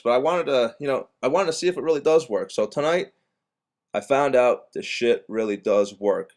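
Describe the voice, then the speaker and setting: A young man tells a story straight to the camera in a loose, casual vlog. He rambles and restarts his sentences, fills the gaps with ums, and swears bluntly as he goes. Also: mid-range voice. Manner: rambling with many restarts and fillers. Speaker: bouncer.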